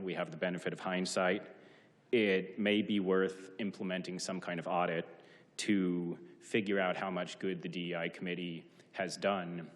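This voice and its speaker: Low breathless guy giving public comment, formal and arguing his case, big echoey chamber. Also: fairly bright tone. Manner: formal, argumentative. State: short of breath. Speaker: public commenter at a council meeting. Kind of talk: prepared public comment speech. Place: large indoor council chamber. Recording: reverberant hall sound.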